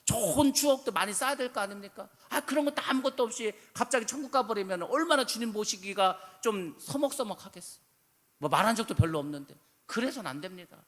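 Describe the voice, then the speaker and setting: A man's voice: high-pitched, animated, fast, a bit bright. A man preaching a sermon as pastor of a church, earnest and pleading as he urges his listeners on. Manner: earnest, pleading, rising to fervent exhortation. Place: church sanctuary. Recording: long church hall reverb.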